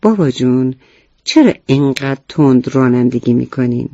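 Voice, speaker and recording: A man's voice: mid-range voice, lively intonation, warm tone, no echo, highs cut off, lightly acted. A man voicing an earnest young schoolboy who lectures his parents about safety rules, in a storybook reading. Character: earnest rule-minded schoolboy, first grader.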